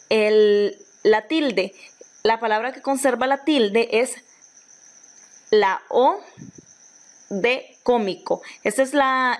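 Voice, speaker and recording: A Honduran woman teacher giving a recorded grammar lesson, patient, often repeating and restarting phrases as she explains. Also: fairly high pitch. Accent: Honduran Spanish.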